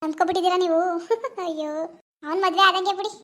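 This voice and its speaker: A woman's voice: extremely high pitch, fast, pushed and bright. Woman doing a jeering rowdy. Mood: mocking. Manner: jeering, laughing taunts. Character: mocking young village rowdy man, cocky then cowardly.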